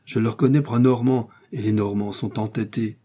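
A man's voice: on the low side, fairly even intonation, brisk, dark tone, slightly rough. A man reading an audiobook and voicing a sturdy, loyal male servant who talks bluntly and eagerly. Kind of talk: audiobook character voice.

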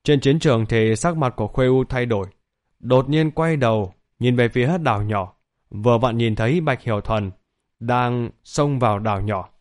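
A man reading a fantasy novel aloud as an audiobook narrator, in a steady, even pace. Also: mid-range voice, moderate pace. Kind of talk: scripted story narration.

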